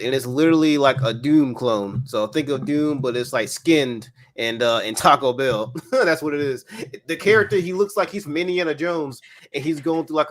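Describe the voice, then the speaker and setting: A man's voice: mid-range voice, a little hiss or hum. A man in his thirties co-hosting a gaming podcast in a casual, chuckling chat. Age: 30s. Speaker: podcast co-host.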